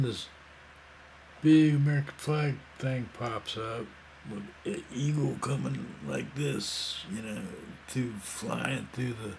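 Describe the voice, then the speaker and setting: A man's voice: on the low side, a little hiss or hum. A man in his sixties telling a rambling, casual story full of fillers and asides. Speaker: vlogger.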